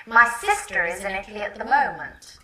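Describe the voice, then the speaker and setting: A chatty young Englishwoman in a recorded language-lesson scene. Her bright voice moves through a lively range, paced slowly. She sounds a little distant in an echoey room. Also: medium pitch, a little hiss or hum. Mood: friendly. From England. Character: young Englishwoman showing off her shared house. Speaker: flatmate in a lesson dialogue. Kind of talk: scripted language-lesson dialogue.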